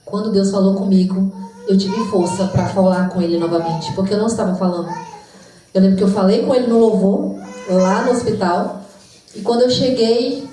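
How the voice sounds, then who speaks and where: A woman's voice: medium pitch, warm tone, a little hiss or hum. A woman giving an emotional, reflective spoken testimony in church. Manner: emotional, reflective, sometimes sings. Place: church hall. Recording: distant mic in echoey church hall.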